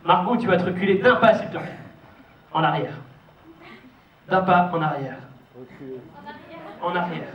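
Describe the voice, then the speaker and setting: A man performs as a kids' party magician in a high voice. He is theatrical and playful, teasing and coaxing young helpers and parents. The recording is distant and echoey, with clear audience noise in the hall. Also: a little slow, pauses often, highs cut off. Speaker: stage magician hosting a children's magic show. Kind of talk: live kids' party magician patter to children and families. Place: show venue with a stage and live audience.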